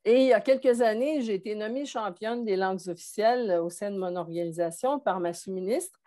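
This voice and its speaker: A woman's voice: medium pitch, brisk, warm tone. Hesitant Québécois woman in her sixties. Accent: Québécois French. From Montreal, Quebec. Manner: thoughtful, frequent hesitations. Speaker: guest. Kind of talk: conversational interview.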